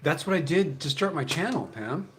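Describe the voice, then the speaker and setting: A man's voice: on the high side, expressive, normal speed, a bit bright, a little hiss or hum. A man in his fifties chatting casually with his viewers as a channel host, rambling and swearing, full of fillers and restarts. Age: 50s. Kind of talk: casual live chat with viewers.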